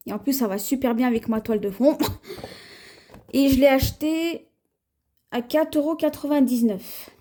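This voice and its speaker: A woman with a French accent, chatting slowly through a haul video at home, showing her purchases with many pauses and fillers. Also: sits high, dark tone. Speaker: haul vlogger. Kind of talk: casual haul video, showing items to camera.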